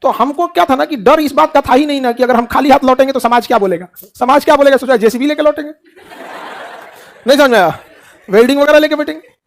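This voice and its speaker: A middle-aged man with a Bihari Hindi accent speaks quickly in a very high-pitched voice, giving students a motivational speech. He asks rhetorical questions, answers them himself, and jokes colloquially.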